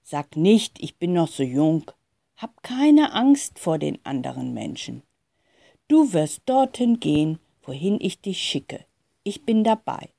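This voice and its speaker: A woman reading aloud gives voice to a solemn, reassuring divine presence in a children's storybook. The delivery is slow and low, with a mellow tone. It sounds close and dry. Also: big pitch swings, creaky, dry recording, full character voice. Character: divine voice, calm and reassuring, ageless.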